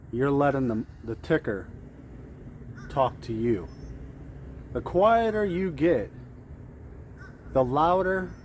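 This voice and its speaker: A trading coach sharing day-trading tips speaks off the cuff and motivationally outside in the heat, voicing traders' inner thoughts and hammering phrases through repetition. His voice is mid-range and a little mellow, with some hiss or hum.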